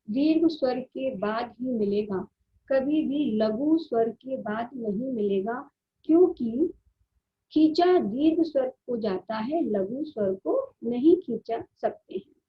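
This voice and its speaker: A woman teacher giving a grammar lesson, explaining slowly and drawing out the sounds she demonstrates. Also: on the high side, muffled recording. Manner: slow, drawn-out explanation with repeated vowel sounds.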